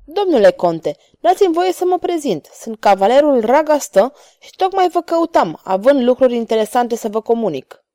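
A woman's voice: on the high side, sing-song, warm tone, no room sound, studio quality, pitched above the performer's own voice. A woman voicing Ragastă, a mocking cavalier. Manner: ironic, courtly and taunting. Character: bold mocking male cavalier swordsman.

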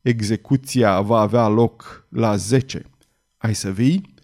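Man voicing a hoarse, commanding hooded cardinal. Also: close to an everyday voice. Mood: stern. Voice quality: hoarse, lowered voice. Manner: harsh, commanding, rising to loud outbursts. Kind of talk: audiobook character voice.

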